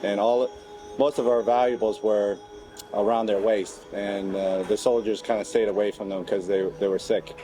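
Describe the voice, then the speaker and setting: A middle-aged man from Cambodia, recounting memories in a documentary interview in a reflective, halting way with many restarts. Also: on the low side, flat delivery, mellow, poor audio. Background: background music.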